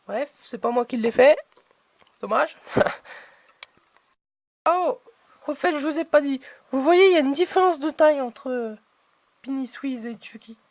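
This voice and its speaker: Unboxing her collectible figurines, the same high-voiced woman chats casually, pausing a lot to find her words and filling gaps with plenty of fillers. Her voice is recorded close and dry, free of any room sound.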